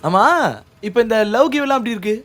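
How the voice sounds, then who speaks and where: A man's voice: very high-pitched, quick pace. An actor playing a nosy young man who asks prying questions, in a drama with music underneath.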